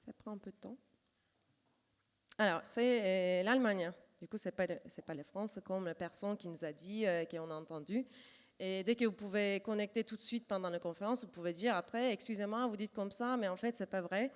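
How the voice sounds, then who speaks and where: A woman with a Turkish accent, a native Turkish speaker, presenting an improvised live software demonstration and hesitantly searching for words. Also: mid-range voice, normal speed, clear, resonant tone. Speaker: workshop presenter. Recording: echoey hall with long reverb.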